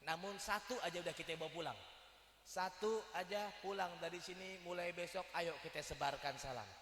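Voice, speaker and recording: A man preaching a lively sermon in a mosque, joking and asking the crowd questions. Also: sits high, brisk. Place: mosque hall. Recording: echoey hall reverb.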